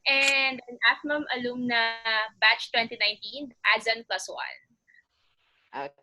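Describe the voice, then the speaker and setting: A young woman from the Philippines, a student introducing herself as a panelist in a clear, composed way. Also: fairly high pitch, slow, sharp tone, low-quality recording. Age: young adult. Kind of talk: self-introduction on a video call.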